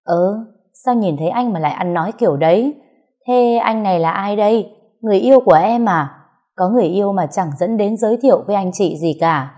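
A woman's voice: mid-range voice, a little fast, warm tone, lightly acted. Woman reading as a smug, needling brother-in-law. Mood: taunting. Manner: mocking, needling. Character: smug bullying brother-in-law, grown man.

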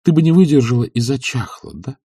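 A man's voice: medium pitch, a little fast, mellow, breathy edge, no room sound, clean studio sound, pitched above the performer's own voice, lightly acted. A man reading a brooding, pleading young nobleman. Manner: earnest and searching. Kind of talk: audiobook character reading.

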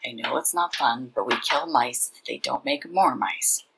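A woman's voice: very deep voice, animated, moderate pace, creaky, very noisy, voice pushed down, heavily acted. A woman reading the part of a weary, stern male master with an exasperated, dry delivery.

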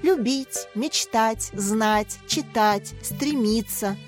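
Женщина читает за спокойную молодую учительницу. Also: female voice, a little high, drawn-out words, faint music behind. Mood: calm. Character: patient young female schoolteacher.

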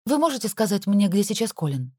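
A woman's voice: medium pitch, sing-song, fast talker, dark tone, breathy edge, no echo, clean studio sound, pitched above the performer's own voice. A woman voicing a desperate young woman in an audiobook, pleading urgently.

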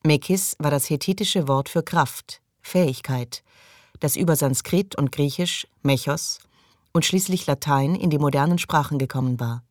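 A woman narrating an audiobook in an even, measured way. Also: low-pitched, dry recording, clean studio sound. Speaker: audiobook reader. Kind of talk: scripted narration.

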